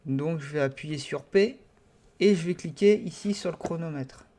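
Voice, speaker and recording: Un homme qui donne un tutoriel logiciel enregistré sur écran, en parlant de façon hésitante avec beaucoup d'hésitations, et qui commente chaque clic. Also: male voice, a little high, normal speed, mellow, slight background noise. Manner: hesitant, many fillers, talks through each click. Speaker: software tutorial teacher. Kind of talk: screen-recorded software tutorial.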